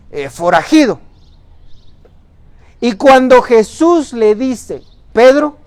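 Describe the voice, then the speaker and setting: A man preaches a sermon as pastor in a church, asking the congregation rhetorical questions and swinging between loud and soft delivery. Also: very high-pitched, dry recording.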